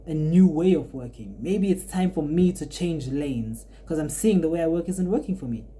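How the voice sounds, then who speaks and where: A woman's voice: low voice, expressive, normal speed, mellow. A twenty-year-old woman hosting a podcast, musing aloud in a rambling, reflective way with frequent restarts. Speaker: podcast host and art student. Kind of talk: casual podcast monologue.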